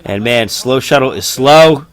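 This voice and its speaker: Male solo streamer-caster, mid-pitched and relaxed, hiccups, spikes into excited calls on big plays. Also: unhurried. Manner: casual and chatty, rising to excited shouts on big plays. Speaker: esports caster. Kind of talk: solo live-stream game commentary.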